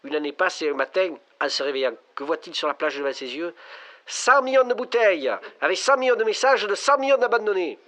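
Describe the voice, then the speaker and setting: A lonely, frightened young man calls in from a night payphone, and his voice comes through thin and distant on the line, as a man acts him out on stage. He pleads to be heard, and his speech tips toward panic. His voice sits a little high for a man. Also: a little fast, a bit bright. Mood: desperate. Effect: payphone call, distant caller on the line. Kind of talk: stage monologue acting.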